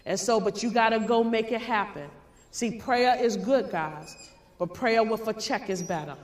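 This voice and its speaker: A woman from Maryland giving a fervent motivational stage speech, preachy and rising to shouts. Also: fairly high pitch, normal speed. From Maryland, USA. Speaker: motivational speaker. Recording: hall reverb.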